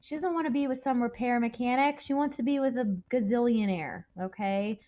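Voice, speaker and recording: On a dull, lo-fi classroom recording, a woman English teacher reviews a novel with her students. She's chatty and keeps checking in with "okay?" Her voice is a little high and dark in tone, and she talks fairly quickly.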